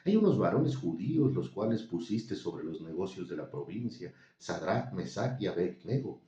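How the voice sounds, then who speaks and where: Scheming courtiers read by a man, flattering yet accusing; low, mellow, far from the mic. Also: moderate pace. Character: scheming male royal accusers, envious. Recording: dull, roomy, distant recording.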